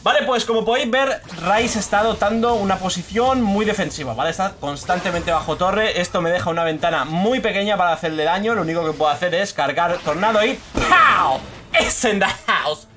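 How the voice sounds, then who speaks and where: Excitable Spanish gamer man, high voice. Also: fast, few pauses, slight background noise. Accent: Spain Spanish. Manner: excitable, swears freely, bursts into shouts at big plays. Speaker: streamer. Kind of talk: live gameplay commentary. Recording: game music clearly behind the voice.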